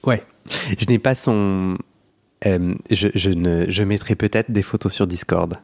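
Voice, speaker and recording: A man's voice: sits low, fairly even intonation, unhurried, gravelly, darkish tone. A young man hosting a podcast, telling a story in a chatty way, laughing often and restarting his sentences. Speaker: podcast host. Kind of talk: casual storytelling chat.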